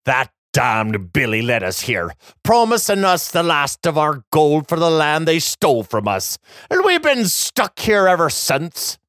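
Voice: medium pitch, wildly swooping pitch, unhurried, few pauses, fairly bright tone, no echo, studio quality, pitched above the performer's own voice. A narrator doing a jovial old leprechaun. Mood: grim. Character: elderly jovial male leprechaun.

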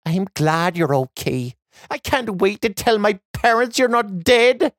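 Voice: mid-range voice, unhurried, dry recording, clean studio sound, pitched above the performer's own voice, natural voice. A narrator voicing a polite, anxious young girl heroine in a fantasy storybook. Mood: relieved.

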